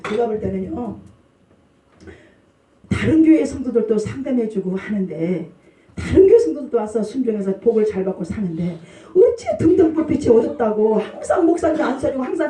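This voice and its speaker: A middle-aged woman pastor preaching a sermon, questioning the congregation in a lively call-and-response manner. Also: a little high, normal speed, pauses often. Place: church sanctuary. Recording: roomy church hall, distant mic.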